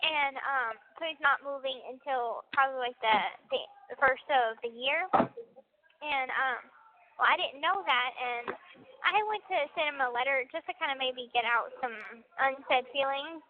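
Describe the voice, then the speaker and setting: A woman with a high voice chats over a payphone line. The sound is thin and tinny, like a phone call. She rambles casually and laughs easily. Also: normal speed, a little hiss or hum. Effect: prison payphone call line. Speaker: caller from a correctional facility.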